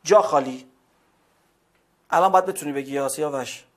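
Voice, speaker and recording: A male English teacher leading a vocabulary lesson, reading English words slowly and then explaining them. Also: fairly high pitch.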